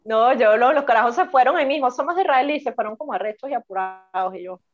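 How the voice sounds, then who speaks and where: A woman's voice: on the high side, fast, dull audio. Chatty Venezuelan woman in her twenties. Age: 20s. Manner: chatty storyteller, swears freely. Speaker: podcast co-host. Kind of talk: casual chat.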